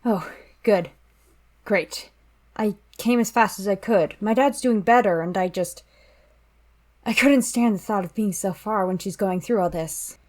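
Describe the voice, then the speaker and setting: A woman performs a young lover anxious for a sick partner in an audio drama. The voice sits at a middling pitch, earnest and emotional, quick to apologise. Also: a little mellow, close to an everyday voice. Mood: relieved, apologetic. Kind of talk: naturalistic audio drama acting.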